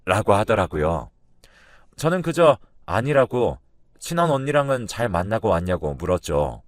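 A man's voice: lowish voice, very animated, normal speed, no echo, clean studio sound. A man narrating a personal story in the first person with dramatic, emotional delivery.

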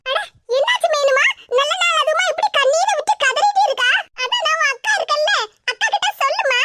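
A woman voicing a squeaky scheming cartoon neighbor. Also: expressive, fairly quick, pushed and bright, dry recording, heavily acted. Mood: coaxing. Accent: Tirunelveli Tamil. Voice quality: high and squeaky. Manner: coaxing, sugary, then plotting. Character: scheming sweet-talking woman neighbor, meddling. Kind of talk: cartoon voice acting.

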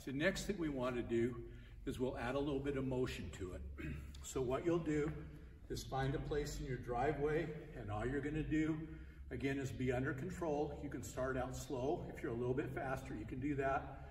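A man's voice: medium pitch, normal speed, darkish tone, a little hiss or hum. An older man coaching basketball drills in a large indoor gym, talking plainly and repeating his points, picked up by a camera at a distance. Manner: plain, repetitive coaching talk, often raised while dribbling. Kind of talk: instructional demonstration. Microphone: camera mic at a distance. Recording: echoey gym from far off. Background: basketball bouncing.

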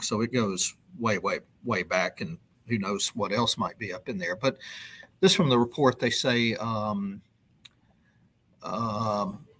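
A middle-aged man, a news reporter, explaining things over a video call in a loose, halting way with many ums and restarts. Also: on the low side, a bit bright. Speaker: news reporter interviewed as guest. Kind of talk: conversational explanation on a live web show. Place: indoor room with brick wall. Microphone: video call webcam.

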